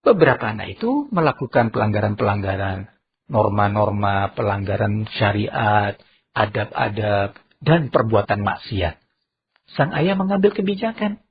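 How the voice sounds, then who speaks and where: A man preaching a sermon in Indonesian-accented speech, animated, often raising his voice sharply to act out quoted speakers. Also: moderate pace, gravelly, slightly rough. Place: large mosque. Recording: muffled low-bitrate mosque recording.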